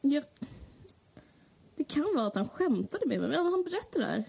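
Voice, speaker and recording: A woman's voice: high-pitched, very animated, gravelly, mellow. A woman co-hosting a podcast, talking in a rambling, frank and sardonic way. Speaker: podcast co-host. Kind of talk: casual chat.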